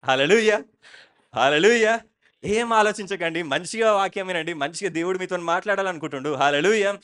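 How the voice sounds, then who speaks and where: A male preacher with a Telangana Telugu accent delivers a church sermon in a high-set voice. He speaks emphatically, repeats his points and keeps calling out to the congregation for replies. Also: quick pace, fairly bright tone, smooth. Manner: emphatic, repetitive, calls out to the congregation for responses.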